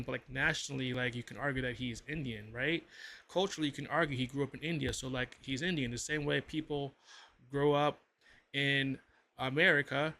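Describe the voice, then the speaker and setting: A man's voice: medium pitch, vocal fry, sharp tone. A man hosting a reaction video, musing aloud in casual commentary with lots of fillers and restarts.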